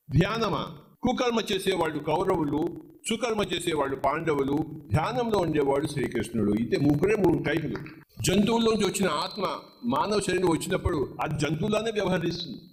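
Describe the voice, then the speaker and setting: A man's voice: high voice, rough recording. Emphatic man preaching. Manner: emphatic, preaching in short repeated phrases. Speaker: spiritual teacher. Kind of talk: spiritual sermon to a crowd.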